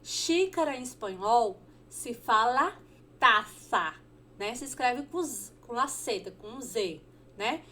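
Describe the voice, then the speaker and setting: Professora brasileira de fala lenta. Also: female voice, fairly high pitch, lively intonation, sharp tone, slight background noise. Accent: Brazilian Portuguese. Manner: repeats words slowly, checks in with "tá?". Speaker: Spanish teacher. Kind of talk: online language lesson.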